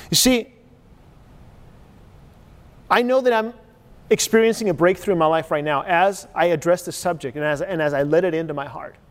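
Man, 40s, raised in Chile, pastor, earnest conversational sermon, ringing hall echo. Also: on the high side. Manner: earnest, searching, conversational preaching with many rhetorical questions.

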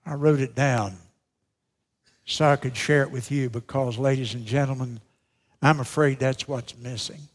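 A middle-aged male pastor preaching a sermon, swinging between loud, emphatic lines and hushed, slowed-down phrases. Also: medium pitch, fairly even intonation. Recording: long reverb of a large hall.

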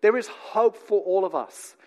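A man born in England, raised in New Zealand and now living in Australia delivers a conversational sermon to an audience. His voice sits high, and he preaches in a teacherly way, with asides to his listeners and deliberate pauses.

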